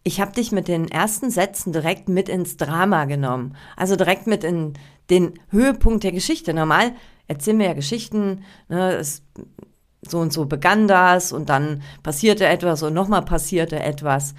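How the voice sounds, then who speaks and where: A woman's voice: on the low side, moderate pace. A woman hosting a podcast, giving storytelling tips for presentations in a casual, chatty coaching monologue, talking straight to the listener and thinking aloud with fillers. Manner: chatty, addresses the listener directly with informal du; many fillers and restarts while thinking aloud.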